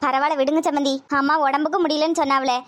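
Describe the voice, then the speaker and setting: A woman's voice: high voice, level tone, fast talker, a bit bright. A woman voicing a chatty, reassuring middle-aged aunt in a cartoon, speaking Tirunelveli Tamil.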